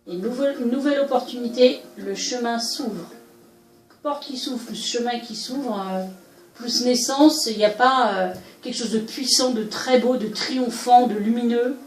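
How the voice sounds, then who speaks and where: A woman doing a solo oracle card reading, musing aloud and pausing often with hesitations as she interprets each card. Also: a little high, darkish tone, roomy sound, rough recording. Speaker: card reader. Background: faint background music.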